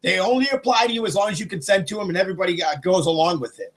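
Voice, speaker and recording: High-voiced ranting man. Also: very fast. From United States. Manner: agitated, swearing, rambling. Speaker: vlogger. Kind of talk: profane political rant to camera.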